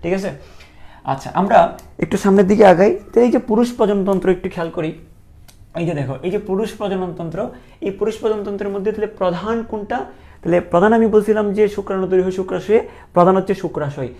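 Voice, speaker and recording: Gravelly male teacher drilling key terms. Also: high voice, fast talker, dark tone. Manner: repeats key terms as questions, drilling students. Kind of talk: online lecture.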